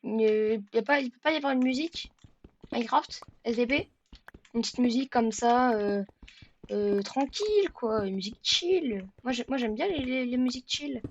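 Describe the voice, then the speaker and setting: A woman giving let's-play commentary in a joking way. She stammers and repeats words, and bursts into shouts at the game. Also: a little high, lively intonation, moderate pace, highs cut off, slight background noise. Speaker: gaming video creator.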